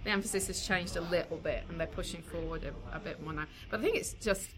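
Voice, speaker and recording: A woman co-hosting a casual football chat, thoughtful and measured, repeating words as she thinks. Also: fairly low pitch. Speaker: podcast co-host.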